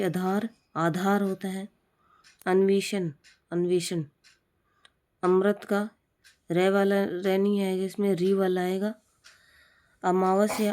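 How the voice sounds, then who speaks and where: A woman teaching Hindi spelling for an exam, slowly repeating the wrong and the right form of each word. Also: mid-range voice, dark tone. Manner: slow, repetitive drilling of correct forms. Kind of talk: spelling lesson for exam prep.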